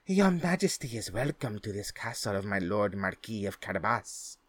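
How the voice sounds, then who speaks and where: A man voicing a cunning, flattering male cat in boots who talks in a courtly, polite way. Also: on the low side, normal speed, dry recording.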